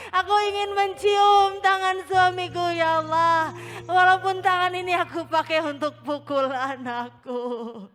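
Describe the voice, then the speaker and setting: High bright-voiced woman leading tearful prayer. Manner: tearful pleading, swelling loud then hushed, slow and drawn out. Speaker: religious teacher leading guided prayer. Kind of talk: emotional guided prayer with music.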